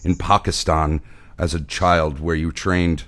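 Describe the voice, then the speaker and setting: A male podcast host in casual comedic banter, teasing bluntly and deadpan. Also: sits low, unhurried.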